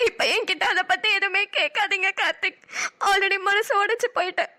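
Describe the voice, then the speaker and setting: Kanmani, a woman voicing a tearful high-voiced girl. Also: steady tone, fairly quick, full character voice. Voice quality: high bright girlish voice. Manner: sobbing, pleading delivery. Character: heartbroken young woman Kanmani, tearful and hurt. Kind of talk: cartoon drama voice acting.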